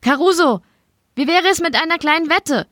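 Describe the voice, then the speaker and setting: A woman's voice: on the high side, normal speed, no echo, clean studio sound, voice pushed up, natural voice. A woman voicing a cocky young male gambler in trouble, with a brash, defiant manner.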